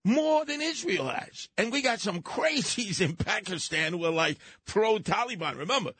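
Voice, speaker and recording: A man's voice: high-pitched, animated, moderate pace, a bit bright, slightly rough, no echo. A man co-hosting a political talk show, brash and colorful, throwing in jokes as he argues.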